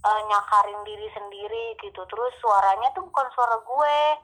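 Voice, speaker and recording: A young woman recounts a spooky tale in relaxed, casual chat. She talks in loose runs full of fillers, restarts and little asides. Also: a little high, moderate pace, rough recording. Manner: animated storytelling with many fillers. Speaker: storyteller guest.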